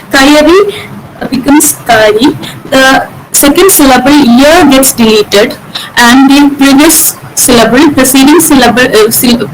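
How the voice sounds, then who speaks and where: High-pitched woman, lecturing on linguistics, lots of ums, noisy room with traffic outside. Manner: hesitant, frequent fillers and restarts, slows on example words. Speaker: linguistics presenter. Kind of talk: academic lecture presentation.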